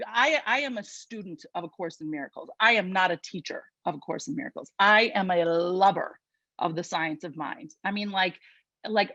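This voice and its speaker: A woman with a Chicago accent giving an inspirational talk as guest speaker at an online spiritual service, lively and conversational with quick asides. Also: medium pitch, dry recording, muffled recording. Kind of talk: inspirational sermon.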